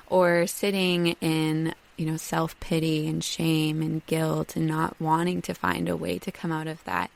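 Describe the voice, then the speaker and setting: A woman's voice: sits low, vocal fry. A woman hosting a podcast, affirming her guest and asking questions in a conversational way. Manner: affirming, with frequent murmured agreement. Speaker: podcast host. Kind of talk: conversational interview.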